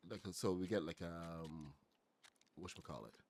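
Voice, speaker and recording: Low-voiced man rambling while streaming. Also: moderate pace, slight background noise. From Barbados. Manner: rambling, filler-heavy, greets chat loudly. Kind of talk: casual gaming livestream chat.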